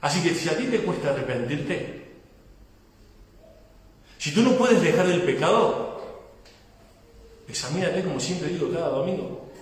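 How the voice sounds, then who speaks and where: A man's voice: on the high side, lively intonation, a little slow, pauses often. A man preaching a sermon as a pastor, asking the congregation questions and acting out what people say. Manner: preaching with rhetorical questions and acted-out quotes. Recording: echoey hall, mic far off.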